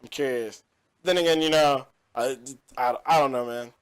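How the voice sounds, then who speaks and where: A young man hosts a casual gaming podcast, rambling and opinionated with lots of fillers. His mid-range voice is smooth and moves at normal speed.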